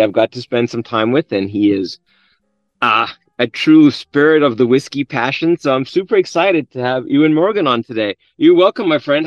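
A man hosts a podcast, welcoming his guest and asking questions in an upbeat, chatty way. His voice sits at an ordinary male pitch. The recording is dry and close, with no room sound. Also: no echo, muffled recording. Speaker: podcast host. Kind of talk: casual interview hosting.

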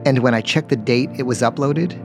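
A man hosting a podcast, narrating a true-crime investigation in a measured, insistent way. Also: medium pitch, vocal fry, music in the background.

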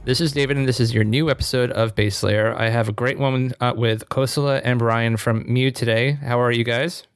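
A man's voice: medium pitch, fairly even intonation, moderate pace, no room sound, soft background music. A man hosting a podcast interview over a remote call, upbeat and enthusiastic, leaning on "and so" as he talks. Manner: upbeat, enthusiastic, many fillers like "and so". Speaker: podcast host.

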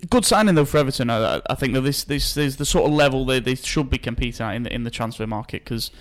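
A man hosting a football transfer podcast in casual chat, talking in quick, halting bursts with many restarts. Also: medium pitch. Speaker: podcast host.

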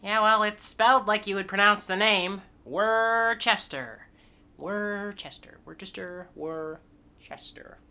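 A woman's voice: medium pitch, flat delivery, normal speed, hardly any pauses, bright, forceful tone, clean tone, lightly acted. A woman playing an awkward young man in an improvised comedy scene, rambling wryly and in a dry, self-deprecating way. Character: awkward young man explaining his odd name.

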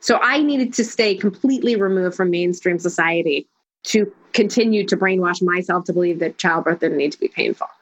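This life coach has a lowish, brisk voice, captured on a rough recording. Interviewed conversationally, she is firm, emphatic and declarative, rushing faster whenever she runs through a list of points.

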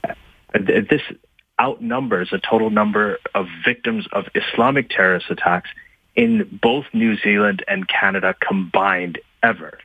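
A man speaks in a low, husky voice through a tinny, narrow phone line. He talks haltingly and thoughtfully, restarting his sentences and filling the gaps with uh and um. The call sounds dry and close. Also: no room sound. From Pakistan, Libya and Saudi Arabia. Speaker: guest author. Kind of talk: phone-in interview.

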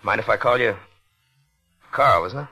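An actor playing a relaxed, friendly husband who talks unhurriedly, in 1940s radio acting on an old broadcast. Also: male voice, lowish voice, normal speed, faint music behind. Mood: calm. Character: calm, easygoing husband offering coffee. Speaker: husband of the house.

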